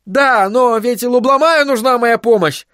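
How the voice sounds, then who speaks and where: A harried male scientist, as a man reads him out in an audiobook, talking in hot emphatic bursts and pushing hard. His voice sits above the narrator's usual pitch, dry and close. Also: expressive, normal speed, no room sound, close to an everyday voice. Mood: urging. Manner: heated, emphatic, pleading at times. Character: agitated middle-aged male scientist, stubborn, harried.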